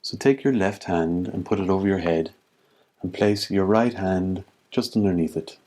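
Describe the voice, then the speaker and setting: Here a man leads a guided meditation in the role of teacher, his voice sitting low. He speaks calmly, in measured phrases, leaving long pauses.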